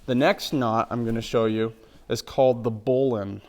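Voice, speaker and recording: A man, a horse trainer, calmly explaining knots step by step in a plain, practical way. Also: medium pitch, moderate pace. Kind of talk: instructional demonstration.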